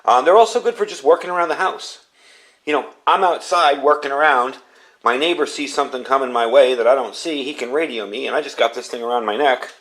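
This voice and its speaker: Brisk and a bit bright, a man with a mid-range voice hosts a casual product review, handling the item himself. As the channel's reviewer he talks in a folksy, plain style, repeating himself for emphasis.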